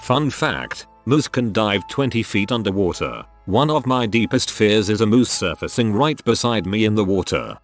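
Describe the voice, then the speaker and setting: Low-voiced man reading stories, lively pitch. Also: moderate pace, hardly any pauses, faint music behind. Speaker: narrator reading forum stories. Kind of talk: scripted narration.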